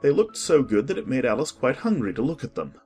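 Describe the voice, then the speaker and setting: Brief: male narrator, husky tone, lively up-and-down pitch. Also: quick pace, faint music behind. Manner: expressive storytelling, varied pitch. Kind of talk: scripted audiobook narration.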